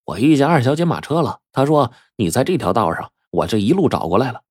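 Talky young servant lad, coaxing, up-and-down voice, storyteller plays him. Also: male voice, medium pitch, very animated, fast talker, darkish tone, slightly rough, dry recording, clean studio sound, voice pushed up. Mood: chatty. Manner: talkative and coaxing. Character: chatty young male servant, easygoing.

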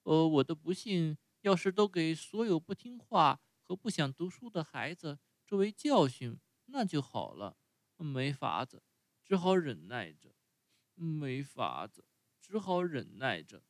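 A man voicing a sorry puppet boy turned donkey, wailing and groaning, then sighing softly to himself. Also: a little high, sing-song, a little slow, dry recording. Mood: resigned. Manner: wailing and groaning, soft sighs when alone.

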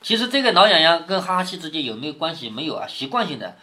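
A man's voice: on the high side, very animated, fast, sharp tone. A man reading a classic novel aloud to his daughter, stopping to explain passages and ask her questions. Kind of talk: storytelling with commentary.

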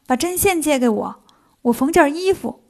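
A woman voicing a boastful, brash male monkey king in a children's story, teasing and quick to anger. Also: sits high, expressive, creaky. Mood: cheeky.

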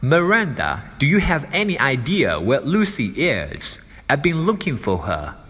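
A man reading a concerned friend's dialogue lines slowly and carefully. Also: mid-range voice, wildly swooping pitch, a bit bright, slightly rough, pitched above the performer's own voice, heavily acted. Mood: asking. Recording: long reverb.

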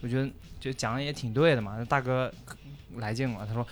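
A man's voice: medium pitch, fairly even intonation, quick pace. Chatty man telling a story. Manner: chatty anecdote-teller. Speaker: guest. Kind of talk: casual storytelling.

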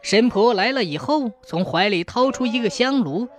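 A woman narrating a ghost story in a measured, suspenseful way. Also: fairly high pitch, lively intonation.

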